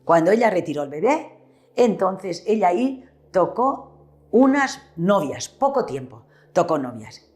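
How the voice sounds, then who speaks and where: Lively older woman with Valencian-tinged Spanish. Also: medium pitch, measured pace. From Petrer, eastern Spain. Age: 70s. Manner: animated storyteller who acts out remembered dialogue. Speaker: retired shopkeeper. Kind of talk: reminiscing interview.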